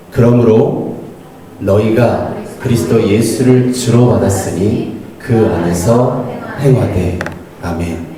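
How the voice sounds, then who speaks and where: A middle-aged man preaches with a lively, swinging delivery, acting out little quoted lines. His voice is mellow and warm. It was recorded at a distance in a very echoey church hall with faint noise behind. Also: on the low side. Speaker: associate pastor. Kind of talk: sermon.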